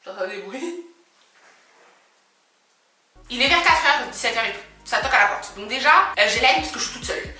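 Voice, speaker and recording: Fast, bright-voiced woman telling a story. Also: on the high side. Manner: animated, dramatic, laughing retelling. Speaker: vlogger. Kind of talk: storytime vlog. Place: home. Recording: echoey room from far off, faint music.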